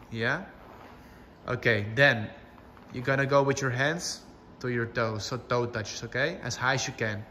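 Bright-voiced, unhurried male workout instructor. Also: mid-range voice, big-room sound, a little hiss or hum. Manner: encouraging, short commanding cues. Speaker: fitness class instructor. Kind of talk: instructing a home workout class with cues and countdowns.

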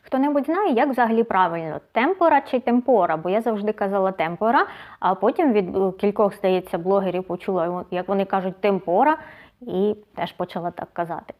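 A woman's voice: mid-range voice, fairly quick, hardly any pauses, a little mellow. A woman book blogger in a casual vlog, chatting and thinking aloud as she sorts books. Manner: chatty, thinks aloud, often says "so" between items.

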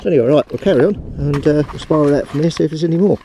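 Talking rapid-fire in a darkish, fairly high voice, a man narrates his beach metal detecting to a head-mounted camera, rambling chattily while he digs. Wind batters the action-camera recording, and the sea and wind can be heard in the background.

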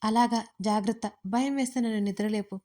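Woman doing strict father, firm questioning tone, storybook audio, fairly high voice. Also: fairly even intonation, fairly quick, warm tone, close to an everyday voice. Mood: concerned. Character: stern father calling his daughter. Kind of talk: audiobook character voice.

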